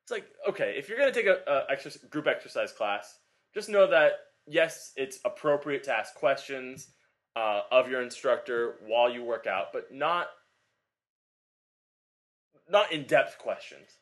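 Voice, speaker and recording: Young guy cohosting a fitness podcast, rambly and animated, lots of blah blah, middle pitched voice. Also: unhurried. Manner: rambling, animated storytelling with frequent filler. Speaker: podcast co-host and Pilates instructor. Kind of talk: casual podcast chat.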